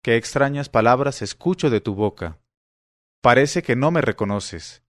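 A man's voice: mid-range voice, animated, moderate pace, no echo, studio quality, natural voice. A man doing an old mother pleading with her son. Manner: pleading, lamenting.

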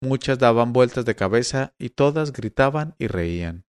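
A man reads a fantasy novel aloud in a measured, expressive audiobook style. His voice sits at a middle pitch. The recording is dry and close, with no room echo. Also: smooth. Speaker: audiobook narrator. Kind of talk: audiobook reading.

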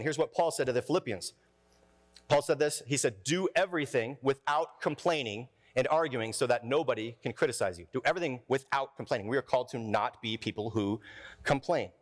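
Male pastor, sermon, conversational, repeats key lines, mid-pitched voice, long reverb of a church hall.

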